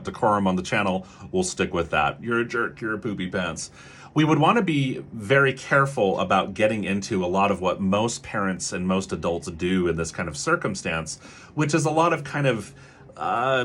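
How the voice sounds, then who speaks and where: A man's voice: sits low, pushed and bright. A man, a child behavior clinician, explaining in an educational video, hedging with many fillers and briefly acting out what parents say.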